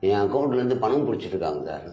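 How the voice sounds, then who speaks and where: Indignant fast-talking man, echoey room. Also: on the low side, big pitch swings, warm tone, dull audio. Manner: argumentative, indignant, rapid-fire questioning. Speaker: bank customer. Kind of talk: comedic sketch dialogue. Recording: echoey room with faint music.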